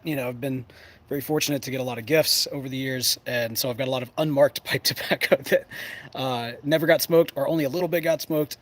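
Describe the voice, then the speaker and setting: A man chatting casually to camera as a show host, folksy and playful, often rambling and breaking off mid-thought. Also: medium pitch. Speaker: host of a pipe smoking show. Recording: clear background noise, ambient sound.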